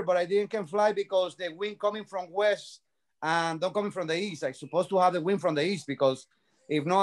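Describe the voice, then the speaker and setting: A man in his forties whose first language is Spanish, chatting excitedly in broken English and swearing freely. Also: high voice. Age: 40s. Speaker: paramotor pilot. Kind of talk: casual chat.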